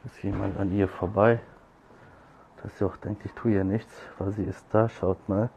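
A man talking casually on a livestream while he feeds and calls to street cats. He scolds one cat loudly and coaxes the others with soft, hushed calls. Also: fairly low pitch, steady tone, moderate pace, creaky, highs cut off, slight background noise. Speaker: street cat caretaker streaming live.

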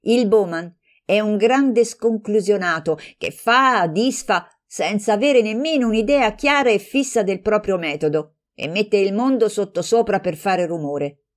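A woman reading an audiobook, voicing a resentful, hot-tempered woman who argues in heated, sharp bursts. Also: mid-range voice, measured pace, close to an everyday voice. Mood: scornful. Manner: heated, sharp, rising to shouts.

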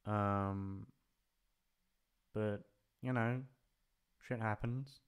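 Fairly low in pitch and steady, this man's clear, resonant voice moves extremely slowly. An audio channel creator and voice actor, he's giving an unscripted, casual farewell vlog, rambling and hesitating with self-deprecating remarks as he thinks aloud.

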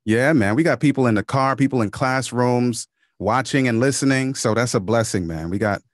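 A man co-hosting a podcast in casual chat, calm and understated, with plenty of slang. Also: medium pitch, normal speed, no echo, studio quality. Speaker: podcast co-host.

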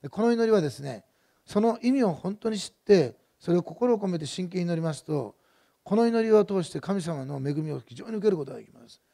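A man's voice: high voice, lively intonation, brisk, vocal fry, mellow. A middle-aged male pastor preaching a sermon in a conversational, digressive way, with many fillers and personal stories.

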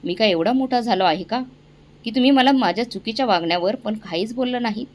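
A woman's voice: on the high side, brisk, a little hiss or hum, lightly acted. A woman voicing a remorseful young man pleading emotionally with his family.

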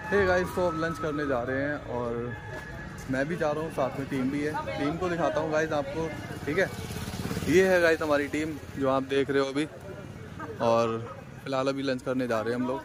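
Filming a selfie vlog on a phone at arm's length, this young man talks in a fairly high, fairly even voice at a moderate pace. He's chatty with his audience, checking in with "theek hai?" again and again, both indoors at home and outside at a college camp.

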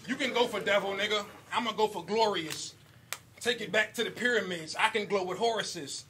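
A battle rapper with a high-pitched voice delivers brisk, punchy, rhythmic bars, breaking into occasional chuckles. The loud live recording from an indoor basement venue carries slight background noise and a crowd cheering and shouting.

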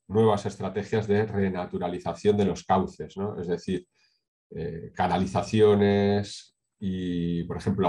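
A middle-aged man from Spain with a low, dark voice presents a project over a webcam on a video call. He talks in a measured way, pausing often with hesitations and tag questions. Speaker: sustainability consultant presenting a project. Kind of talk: online conference talk with slides.

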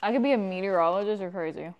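A woman streamer chatting casually with her viewers while building something, swearing freely and reacting out loud. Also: mid-range voice, racing, dull audio, slight background noise. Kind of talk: casual livestream chat.

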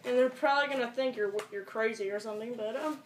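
A young teenager and amateur video maker talks quickly in a mid-range voice, rambling casually through an improvised tutorial vlog with muttering and swearing. It was shot in a small bedroom on a camera mic, and the home recording is echoey and noisy.

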